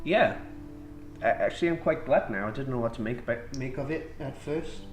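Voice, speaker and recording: A man's voice: medium pitch, animated, fairly quick, soft background music. Man hosting improv comedy radio. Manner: playful, incredulous questioning. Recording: roomy echo, faint background noise.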